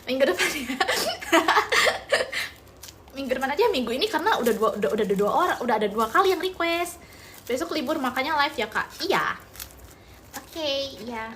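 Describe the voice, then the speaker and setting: A woman's voice: high voice, lively intonation, fast, a bit bright, a little hiss or hum. A young woman from Indonesia hosting a live mukbang stream, chatting casually with viewers and teasing them, with playful repetition and bits of English. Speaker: mukbang livestreamer. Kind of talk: casual live-stream chat reading comments.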